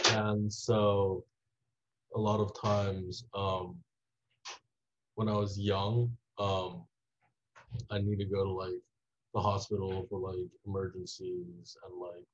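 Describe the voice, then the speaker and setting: A young man from Taiwan, a student being interviewed, telling a rambling story full of "like" fillers that trails off quietly. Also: deep voice, breathy edge. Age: young adult. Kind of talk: casual interview. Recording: dull lo-fi audio.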